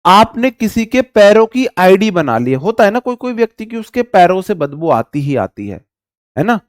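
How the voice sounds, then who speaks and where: A middle-aged male teacher runs a live vocabulary lesson, joking with his viewers and calling them brother. His voice sits a little high. The sound is dry and close, with no room around it. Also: big pitch swings, normal speed, no echo.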